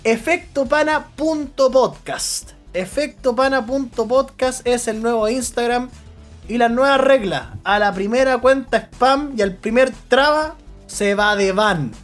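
A man's voice: extremely high pitch, a little slow, soft background music. A young Chilean man hosting a podcast, talking in crude, joking banter with stammering restarts. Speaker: podcast host.

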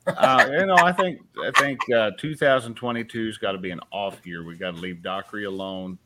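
A man chatting on a live stream, laid-back and halting, with many fillers. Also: lowish voice, heavy background noise. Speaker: guest channel creator. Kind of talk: casual live stream chat.

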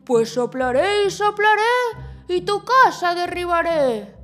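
A woman's voice: very high voice, animated, measured pace, fairly bright tone, soft background music, heavily acted. A woman with a Castilian Spanish accent voicing a menacing, scheming male wolf in a children's storybook, with theatrical threats. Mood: threatening.

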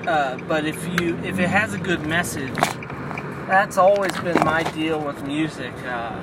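Slow-talking man podcasting from inside a noisy car. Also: a little high. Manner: hesitant, rambling, searching for words. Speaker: podcast host. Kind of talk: casual rambling solo podcast chat. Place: inside a car, on the drive home. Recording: loud car and road noise. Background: car and road noise.

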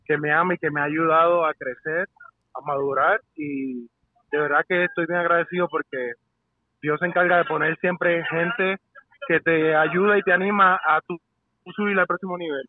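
A man calling in by phone to a podcast, chatting casually and speaking in an animated, grateful way. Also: fairly high pitch, moderate pace, no room sound. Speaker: phone-in guest. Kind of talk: casual chat over the phone. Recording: tinny phone line.

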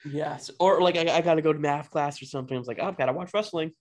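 A man co-hosting a casual podcast chat, playful and quick to riff on a joke. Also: a little high. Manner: lively, playful, riffs on bits. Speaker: podcast co-host.

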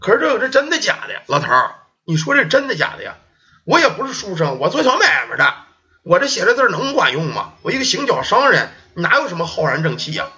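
A man voicing a young male peddler, blunt and good-hearted, talking in quick colloquial exclamations. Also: high voice, wildly swooping pitch, sharp tone, muffled recording, heavily acted. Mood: alarmed.

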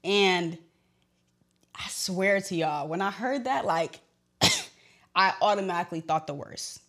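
A young woman telling a personal story to the camera, emotional, her voice getting shaky and swinging between loud and hushed. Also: lowish voice, slow.

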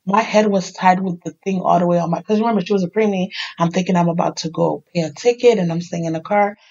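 A middle-aged woman telling her life story in a candid, animated conversation, acting out the people she quotes. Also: on the low side, fast talker, vocal fry, dull audio. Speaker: podcast host sharing her life story.

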